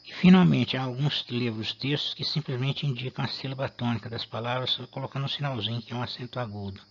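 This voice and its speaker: A man, explaining a lesson in a measured way and pausing to rephrase himself. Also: medium pitch, breathy edge, lo-fi sound. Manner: measured, with restarts and fillers. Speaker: Latin teacher.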